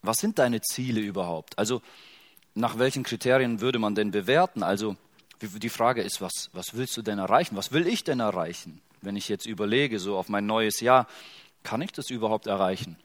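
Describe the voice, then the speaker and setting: A man's voice: on the low side, moderate pace. A middle-aged man preaching a sermon as pastor, in a casual, joking and conversational way, putting many direct questions to his listeners.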